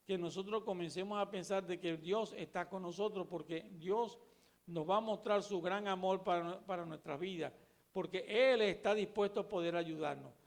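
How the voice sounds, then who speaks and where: Male pastor, high voice, emphatic sermon delivery. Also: gravelly. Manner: emphatic, repetitive preaching with direct address.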